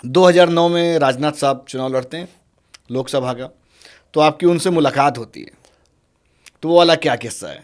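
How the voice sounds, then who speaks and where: A man's voice: a little high, moderate pace, long pauses. A man hosting a podcast interview, asking probing follow-up questions and giving constant "hmm" backchannels. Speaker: podcast host. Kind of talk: conversational interview.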